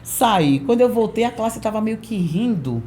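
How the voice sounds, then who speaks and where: A woman pastor in her forties, a podcast guest telling a lively testimony and acting out the voices of people in it. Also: fairly high pitch, normal speed, a little hiss or hum. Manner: lively storyteller who acts out quoted voices. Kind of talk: storytelling testimony in a podcast interview.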